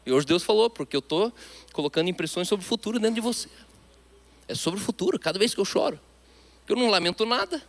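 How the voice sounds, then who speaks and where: A man with a Brazilian Portuguese accent preaching a sermon, emphatic, his delivery swinging between loud declarations and hushed asides. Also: high voice, lively intonation, fast talker. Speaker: pastor.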